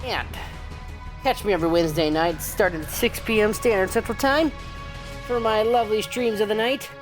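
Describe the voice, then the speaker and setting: A man with a raspy voice giving casual, self-deprecating and rambling commentary as he streams a video game. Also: high-pitched, normal speed, low-quality recording. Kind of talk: casual live gameplay commentary. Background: shooter game music and gunfire.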